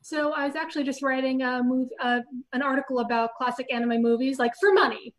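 A woman's voice: sits high, fairly even intonation, fast talker. A woman who writes articles, chatting casually on a talk show panel with many fillers. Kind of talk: casual chat.

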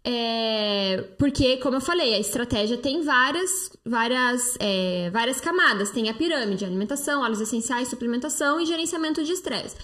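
A woman's voice: fairly high pitch, animated, normal speed, hardly any pauses, a bit bright. A woman with a Brazilian Portuguese accent, hosting a live stream and answering viewer comments in a chatty, persuasive way with frequent fillers. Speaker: live-stream host, detox coach. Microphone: phone close-up.

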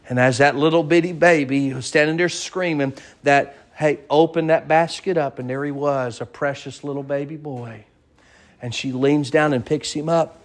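A male pastor preaching a sermon, telling a story vividly and asking rhetorical questions of the congregation. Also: medium pitch. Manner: vivid storytelling, acts out voices.

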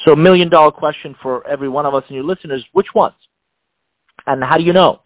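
This emphatic middle-aged Iranian man, who advises executives and writes books, speaks fast in a somewhat high voice while giving interview answers. His delivery is animated, full of restarts and repeated words. The audio is poor, with a dry sound and no room echo.

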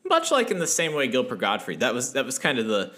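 A man's voice: mid-range voice, huge pitch swings, quick pace, a bit bright. A man co-hosting a casual podcast, explaining things at length with lots of fillers and restarts. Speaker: podcast co-host.

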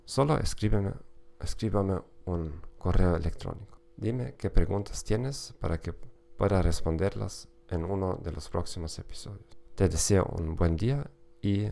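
A man with a German accent and native German, hosting a scripted podcast with careful, halting non-native delivery. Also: low voice, vocal fry, warm tone. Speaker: podcast host, language teacher.

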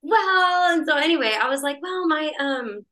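An American woman with a high, animated voice and a sharp tone speaks at a moderate pace. She's a podcast guest laughing her way through a personal story, keeping it chatty and breezy, like casual storytelling in conversation.

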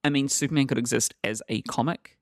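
A young man chatting excitedly about shows, full of fillers and swearing. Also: mid-range voice, fast, no echo, clean studio sound. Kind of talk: casual chat.

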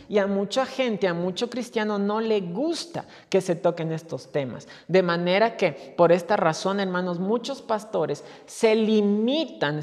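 A woman's voice: mid-range voice, darkish tone. A woman pastor delivering a sermon in a church, telling stories and often calling the congregation brothers. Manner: addresses listeners as brothers, storytelling, frequent restarts. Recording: reverberant church hall.

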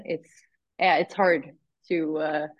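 A young woman, a guest athlete chatting casually and telling an animated story with acted-out dialogue. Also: sits low, takes it slowly, dull audio. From Sweden. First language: Swedish. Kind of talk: casual chat.

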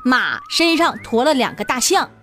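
A woman with a Northeastern Chinese accent, hosting a radio comedy show and telling funny stories in an animated, laughing way. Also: high voice, moderate pace. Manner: animated, laughing, puts on voices. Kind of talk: comic storytelling monologue.

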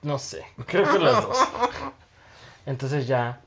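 A man's voice: medium pitch, takes it slowly, creaky, dull audio. A man, co-hosting a casual podcast, telling stories with lots of laughter and acted-out quotes. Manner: animated storyteller, laughs often, acts out quotes. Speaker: podcast co-host. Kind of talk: casual chat.

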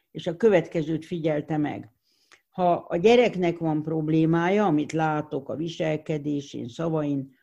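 A gravelly, dark, mellow voice explains things thoughtfully, with examples and restarts mid-thought. It comes through a dull, lo-fi recording. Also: medium pitch. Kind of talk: explanatory interview talk.

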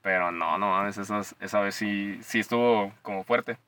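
A young man with a Mexican Spanish accent tells stories on a podcast in loose, slangy talk full of swearing. His voice is bright and forceful. He sits a little back from the microphone. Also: fairly low pitch, normal speed, clean tone, far from the mic. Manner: slangy, animated, swears freely. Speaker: podcast co-host. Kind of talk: casual storytelling chat.

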